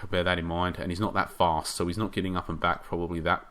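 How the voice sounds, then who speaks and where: A man giving casual game commentary, thinking aloud and rambling with hesitations, his voice getting hoarse. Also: sits low, flat delivery, quick pace, a bit bright.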